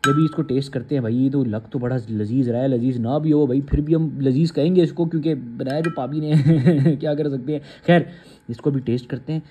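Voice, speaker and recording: A man's voice: medium pitch, fairly even intonation, a little fast, mellow, a little hiss or hum. A young man vlogging casually, teasing friends and family and laughing often. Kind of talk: casual vlog chat.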